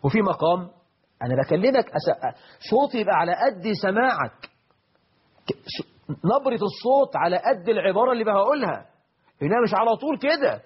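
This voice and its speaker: A husky, fairly high-pitched man preaching with an Egyptian Arabic accent, moving between slow, solemn quoted verses and quick colloquial asides. The recording is dull and lo-fi. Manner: animated, mixes classical quotes with colloquial asides. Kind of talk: Islamic sermon. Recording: dull lo-fi audio.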